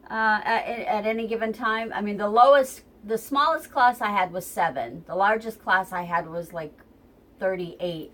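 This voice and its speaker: At home near her kitchen, a woman with a stuffy, runny nose gives a casual, rambling tarot reading recorded on a tripod camera, chatting with plenty of ums. Her mid-range voice has a sharp tone, with a little hiss or hum in the audio.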